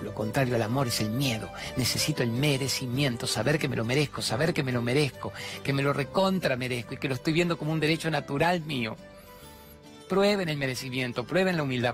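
A man with an Argentine accent hosting a self-help talk show, preaching and telling stories with lively, acted-out voices. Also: mid-range voice. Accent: Argentine Spanish. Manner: animated, preachy, acts out characters in stories. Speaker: self-help radio host. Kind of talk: motivational talk and storytelling.

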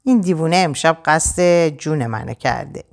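A woman's voice: low voice, lively intonation, vocal fry. Woman reading as a good-humored young husband. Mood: amused. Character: young husband, amused and protective.

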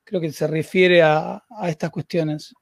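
A man's voice: on the high side, steady tone, a little slow, creaky, no echo. A man with a Rioplatense Spanish accent hosting a live interview, chatting and reading out viewer comments. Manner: conversational, reads viewer comments. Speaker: host.

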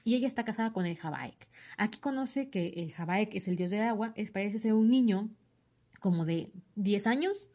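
Chatty woman host, opinionated, casual comic-review talk, mid pitch. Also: normal speed. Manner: chatty, opinionated, animated asides. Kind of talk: casual chat.

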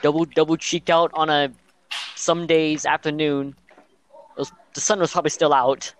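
A man's voice: a little high, flat delivery, normal speed, a little hiss or hum. Young man rambling through band stories. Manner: rambling storyteller, acts out quotes. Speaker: podcast co-host and band member. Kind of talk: casual chat.

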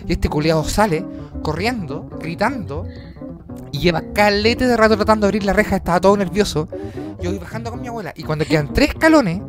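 A man's voice: high-pitched, lively intonation, brisk. A young Chilean man telling a long story in casual chat, rambling and slangy, swearing and acting out voices. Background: guitar music.

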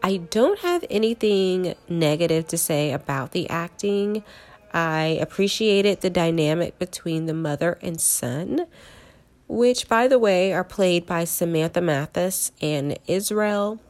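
A woman's voice: on the low side, lively intonation, measured pace, darkish tone. A woman with a congested, stuffy-nosed voice from a cold, hosting a casual, chatty horror movie review full of conversational filler words. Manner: chatty, conversational, frequent "like" and "you know". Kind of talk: casual solo review chat.

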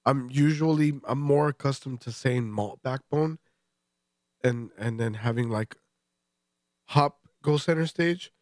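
A man's voice: mid-range voice, unhurried, a little mellow, no echo, studio quality. A congested man co-hosting a podcast, swearing and laughing as he describes a beer in casual detail. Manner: profane, joking, laughs often. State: stuffy, congested. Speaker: podcast co-host. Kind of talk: casual beer-tasting chat.

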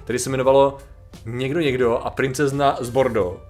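Muž, spolumoderátor podcastu, v neformálním rozhovoru vtipkuje a často se směje. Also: male voice, medium pitch, fairly even intonation, darkish tone, faint music behind. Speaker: podcast co-host. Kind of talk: casual chat.

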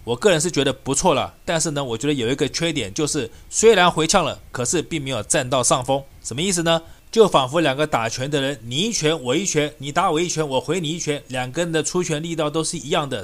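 A man rants through a political opinion monologue at a rapid clip. His voice sits a little high, and his delivery is combative and scornful. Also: fairly bright tone. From Taiwan. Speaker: political commentary host.

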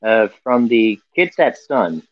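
A man co-hosting a casual podcast over a video call, reading out news headlines in a halting way full of fillers and self-corrections while his audio breaks up. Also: lowish voice, big pitch swings, no room sound. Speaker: podcast co-host. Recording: dull, muffled call audio.

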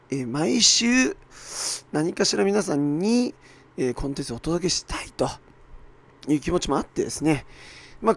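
A male podcast host speaks alone in a hoarse, raspy voice that sounds worn out from shouting. The pitch sits slightly high for a man, and the sound is dry and close. His delivery is casual, apologetic and self-deprecating. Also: dry recording. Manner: self-deprecating, apologetic, with mock-quoted asides. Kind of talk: casual solo podcast monologue.

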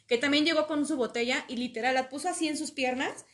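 A woman's voice: high voice, fast, fairly bright tone. A woman with a Mexican accent chatting casually on a podcast, telling slangy anecdotes. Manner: storytelling, slangy, agreeable. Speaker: podcast guest. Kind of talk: casual chat.

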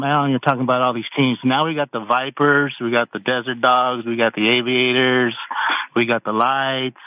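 A man's voice: mid-range voice, dry recording. Guy calling in over the phone, muffled line, plain-spoken, dry. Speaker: caller. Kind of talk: casual call-in chat.

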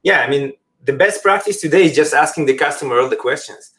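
A man's voice: fairly high pitch, lively intonation, quick pace, fairly bright tone. Man explaining in English. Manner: non-native English phrasing. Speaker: company representative, podcast guest. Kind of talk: casual interview, explaining a product.

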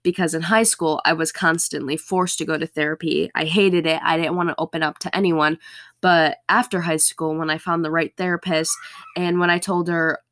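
A woman's voice: on the low side, a bit bright. A young woman hosting a casual solo podcast, speaking candidly, her voice a little thick and throaty, as if getting over swollen tonsils or a sore throat. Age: young adult. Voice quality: slightly altered voice after a bad sore throat, thick and throaty. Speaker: podcast host.

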